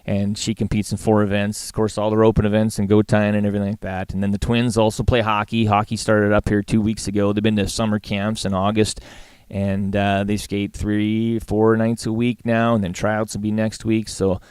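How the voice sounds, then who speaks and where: A man's voice: lowish voice, little pitch movement, normal speed, a little mellow, smooth, no room sound. A middle-aged man with a Western Canadian accent chats casually in an interview, plain-spoken and folksy. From Alberta, Canada. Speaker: guest, livestock auctioneer and former calf roper.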